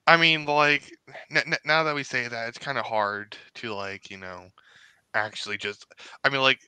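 A man co-hosting a film watch-along, talking in a rambling, halting way full of fillers. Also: medium pitch, sharp tone, clear, resonant tone, rough recording. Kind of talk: casual chat.

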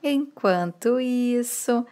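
A woman from Brazil retelling a soap opera episode, reading out the characters' lines with lively shifts in delivery. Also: on the high side, drawn-out words.

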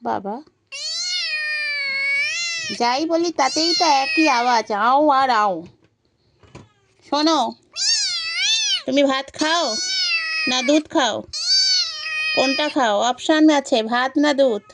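A woman's voice: high voice, takes it slowly, long pauses, very noisy. A woman vlogger chatting playfully to her cats and to viewers, coaxing and teasing them. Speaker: pet vlogger. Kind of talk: casual chat to pets and viewers.

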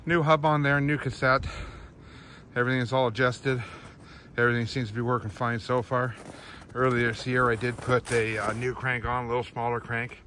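A middle-aged man talks into a phone held at arm's length on a snowy wooded trail, his voice sitting at an ordinary middle pitch. He rambles earnestly, filling pauses with plenty of ums and uhs. Faint outdoor ambience hangs behind him. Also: bright, forceful tone, slight background noise. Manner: rambling, many fillers, earnest. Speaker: vlogger. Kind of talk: casual outdoor vlog.

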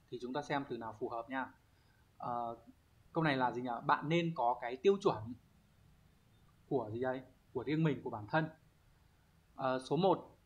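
A man teaching an online Japanese vocabulary lesson. He reads example sentences aloud, explains each word, and keeps asking his students quick check questions. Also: mid-range voice. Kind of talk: online exam walkthrough lesson.

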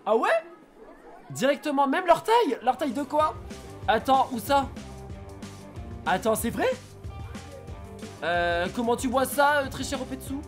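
A man's voice: extremely high pitch, lively intonation, measured pace, long pauses, faint music behind, some chatter behind. A man chatting and joking with viewers while streaming a dating game. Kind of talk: casual live-stream commentary.

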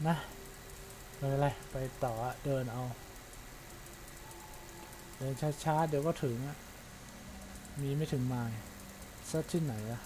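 A man's voice: mid-range voice, slow, long pauses, background noise. A man giving casual let's-play commentary, chatty, repeating words and exclaiming when startled. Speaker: gameplay streamer.

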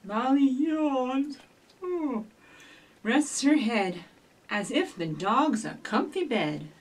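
A middle-aged woman hosts a storytime for young children, talking and reading aloud while encouraging them directly. As a children's librarian, she uses a high, expressive voice at a slow pace. She's recorded from a distance in a small indoor office lined with shelves.

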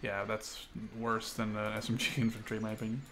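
A man in his twenties hosts and plays through a gaming video, speaking a little fast in a low, monotone voice. His commentary is informal and sweary. The mic is of reduced quality, the room is echoey at a new place, and a crowd murmurs behind him.

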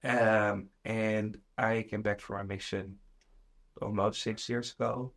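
A man's voice: lowish voice, level tone, slow pace, fairly bright tone. Earnest young man from the Netherlands. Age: 20s. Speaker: guest. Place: sitting room with other guests.

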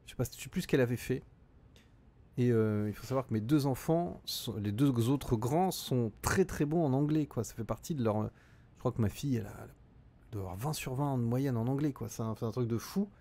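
A man's voice: mid-range voice, fairly quick, dark tone. A middle-aged man streaming a game live, reading out chat and thinking aloud with frequent hesitations.

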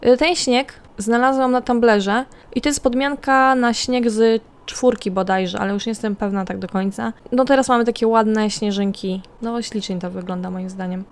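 Over a life-simulation game, a woman with a medium-pitched, darkish voice gives casual let's-play commentary. She chats both to her characters and to her viewers.

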